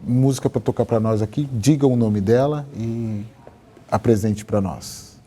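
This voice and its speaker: Enthusiastic Brazilian TV host, mellow tone. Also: male voice, on the low side, measured pace. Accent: Brazilian Portuguese. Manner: warm, enthusiastic, expressive. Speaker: TV interview host. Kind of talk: TV interview. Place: TV studio.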